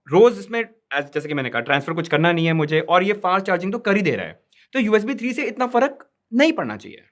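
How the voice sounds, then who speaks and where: A man's voice: sits high, fairly bright tone. A man giving a casual smartphone review as a tech reviewer, talking conversationally and mixing English words into his Hindi.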